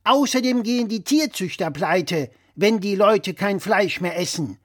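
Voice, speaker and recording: A loud, lecturing old-fashioned father with a raised, lively voice, put on by a male storyteller. He holds forth emphatically and keeps his opinions fixed. The reading is close and dry, with no room sound. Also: sits high, measured pace, no echo, voice pushed up. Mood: blustering.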